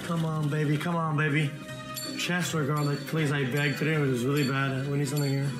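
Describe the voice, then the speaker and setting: A man's voice: a little high, flat delivery, brisk. A man streaming slots, pleading and swearing casually as he comments on the game. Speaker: slot streamer. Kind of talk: casual live gambling commentary. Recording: roomy echo, game music behind.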